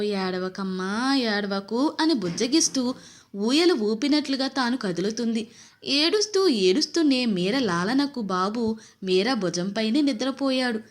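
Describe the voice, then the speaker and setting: Higher-voiced Telugu woman storyteller. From Amalapuram, Andhra Pradesh. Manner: steady, expressive storytelling. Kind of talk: moral story narration.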